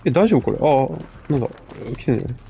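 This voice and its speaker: A man with a gravelly voice, chatting casually and mocking himself as he comments on his own game play. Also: mid-range voice, big pitch swings, rapid-fire, highs cut off, a little hiss or hum. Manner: chatty, self-mocking, frequent laughs. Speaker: gameplay commentator.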